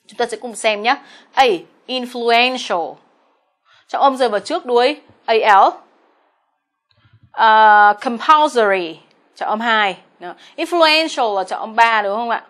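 A woman's voice: a little high, a bit bright. A young adult woman teaching English exam answers, speaking Vietnamese and English words with a Vietnamese accent, patient and often checking in with her students. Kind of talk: exam answer walkthrough lesson.

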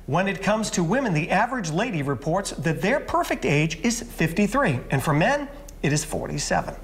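A man's voice: high-pitched, moderate pace. A man in his forties co-hosting a morning TV show, chatting on a studio couch and joking by repeating himself. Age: 40s. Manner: animated, jokey, repeats himself for effect. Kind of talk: lively studio chat. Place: TV studio set, seated on couch.

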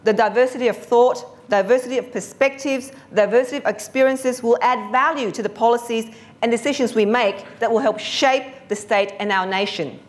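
A woman's voice: fairly high pitch, fairly quick. A middle-aged woman, a former councillor, giving an earnest, composed speech at a lectern in a conference hall.

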